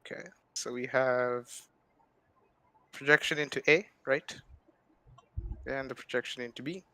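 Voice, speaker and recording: A man's voice: mid-range voice, steady tone, unhurried, pushed and bright, smooth, dry recording, poor audio. Young man explaining math, dry sound. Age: young adult. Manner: chatty, hedging fillers, checks with "right?". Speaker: guest speaker, math student. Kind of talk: casual math explanation over video call. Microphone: video call mic.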